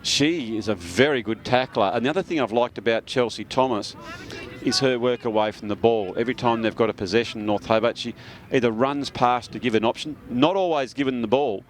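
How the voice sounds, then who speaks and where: Chatty footy commentator outdoors. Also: male voice, medium pitch. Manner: chatty, relaxed, fond of filler pauses. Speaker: football commentator. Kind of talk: live sports commentary. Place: outdoor football ground. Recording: outdoor commentary with loud traffic noise.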